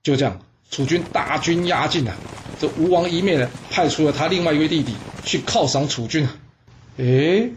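Lively male storyteller. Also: medium pitch, slight background noise. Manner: lively, rhetorical, acts out scenes. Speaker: podcast host, storyteller. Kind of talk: animated history storytelling. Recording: slightly dull lo-fi.

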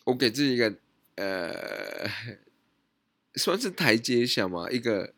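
A man's voice: medium pitch, big pitch swings, slow, fairly bright tone, dry recording. A man with a Taiwanese Mandarin accent hosting a podcast, telling a personal story in a hesitant way with many restarts. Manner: hesitant, lots of restarts and self-questioning. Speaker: podcast host. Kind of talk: casual solo storytelling.

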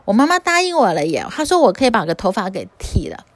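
A woman's voice: wildly swooping pitch, fast, no echo. Woman doing a stubborn lovestruck girl. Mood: insistent. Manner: insistent, high and pleading. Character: lovestruck stubborn young girl, naive and blunt.

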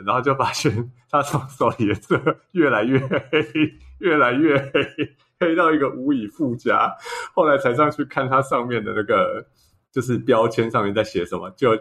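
A man's voice: medium pitch, a bit bright. A man with a Taiwanese Mandarin accent co-hosting a podcast, telling stories in casual chat and laughing often. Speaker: podcast co-host.

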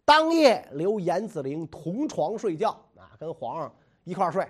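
A man's voice: sits high, big pitch swings, moderate pace. A man telling history stories in a chatty, jokey, colloquial way. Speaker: storyteller. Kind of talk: casual history storytelling.

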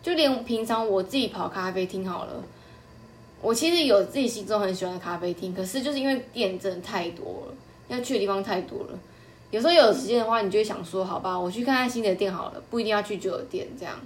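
A young woman hosts her own podcast, talking quickly in a chatty, animated way. Her voice sits at an ordinary middle pitch, and a faint hiss of background noise runs under it. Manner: chatty, quick and animated, acting out customers' lines. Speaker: podcast host. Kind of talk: casual storytelling monologue.

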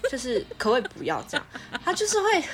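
A woman's voice: high-pitched, wildly swooping pitch, quick pace. A woman co-hosting a podcast in casual chat who talks with force. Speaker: podcast co-host. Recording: music playing underneath.

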